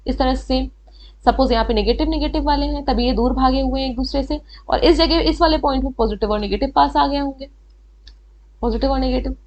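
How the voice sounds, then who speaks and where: A woman teaching biology with an Indian English accent, mixing Hindi and English and slowing down on key terms as she draws. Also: high voice, fairly even intonation, a little mellow. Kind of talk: whiteboard lesson explaining step by step.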